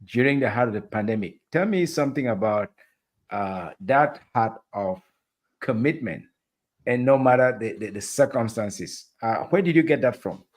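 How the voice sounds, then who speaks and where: A man's voice: medium pitch, expressive, normal speed. Encouraging male interview host. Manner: encouraging, affirming, repeats phrases. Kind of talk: interview conversation.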